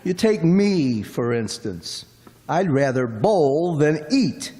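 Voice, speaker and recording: A man's voice: fairly high pitch, big pitch swings, slow pace, warm tone. A man playing a chatty, folksy middle-aged cab driver in a radio play, rambling on in a drawl. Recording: long hall reverb.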